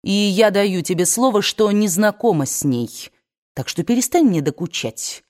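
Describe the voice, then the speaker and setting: A woman doing a curt, sharp young lady. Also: mid-range voice, lively intonation, normal speed, lightly acted. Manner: curt, clipped retorts.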